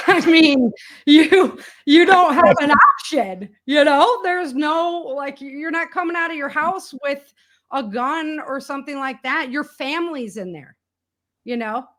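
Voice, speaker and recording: This interview guest, an author and podcaster on survival prepping, has a high-pitched, somewhat bright voice and an unhurried pace. The conversation is casual and spontaneous, and she speaks colloquially and emphatically while voicing others' remarks.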